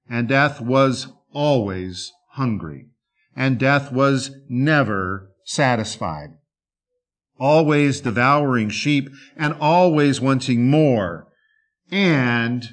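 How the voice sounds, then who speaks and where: Slow, dramatic male storyteller. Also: mid-range voice. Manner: slow, with drawn-out dramatic pauses. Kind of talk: dramatic fable narration.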